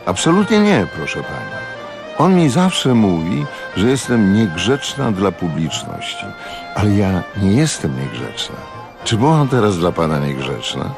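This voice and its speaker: A man's voice: low voice, sing-song, a little slow, vocal fry, over music, heavily acted. A man voicing a touchy, glamorous woman with a theatrical, indignant manner in a radio audiobook reading.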